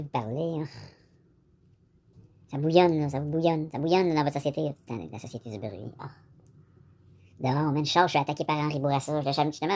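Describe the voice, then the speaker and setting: With a slightly high, somewhat mellow voice, this Québécois French-accented vlogger delivers a casual, rambling monologue. He speaks straight to the viewer, meanders, and frequently says "là."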